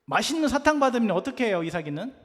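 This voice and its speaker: Man for a children's sermon: high, soft, coaxing questions to a little one, reverberant hall. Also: very animated, rapid-fire. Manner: gentle, coaxing, asks a small child many questions. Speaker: preacher for children. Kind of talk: children's sermon with picture storytelling.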